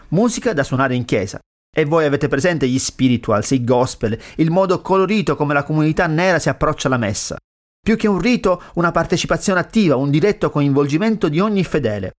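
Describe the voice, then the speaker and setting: A man hosting a radio show, narrating in an expressive storytelling manner. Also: a little high. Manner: expressive storytelling, dramatic reading of lyrics. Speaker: radio host.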